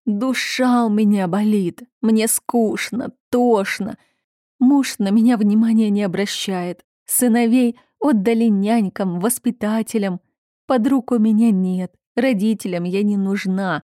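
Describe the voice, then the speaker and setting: A woman's voice: medium pitch, dark tone, no room sound, studio quality, voice pushed up, lightly acted. A woman voicing a hysterical, melancholy young noblewoman who sobs and lashes out. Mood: distraught. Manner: sobbing, drawn-out, raised outbursts.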